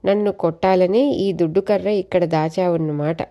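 Menacing masked thief, slow deliberate threats, read by a woman narrator; dark mellow tone. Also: lowish voice, fairly even intonation, lo-fi sound, lightly acted. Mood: threatening.

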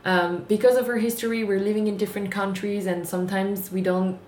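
A woman's voice: mid-range voice, fairly even intonation, brisk, darkish tone, soft background music. Earnest young woman, slightly worn voice. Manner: earnest, talkative. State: losing her voice. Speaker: podcast co-host. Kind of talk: casual chat. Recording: echoey room with faint ambience.

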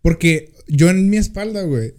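A man's voice: on the high side, normal speed, heavy background noise. A young man with a Mexican accent in a casual podcast chat, laughing and slangy. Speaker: podcast co-host.

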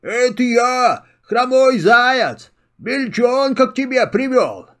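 A wise old lame hare in a children's storybook, gruff and grandfatherly, voiced by an older man. He speaks slowly, with a lively rise and fall in pitch. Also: full character voice. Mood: calling.

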